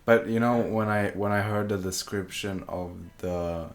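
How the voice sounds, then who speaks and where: A man's voice: fairly low pitch, steady tone, normal speed. A young man whose first language is Swedish, co-hosting a casual film chat as a film student, often restarting sentences while he searches for the right words. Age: young adult. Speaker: podcast co-host, film student.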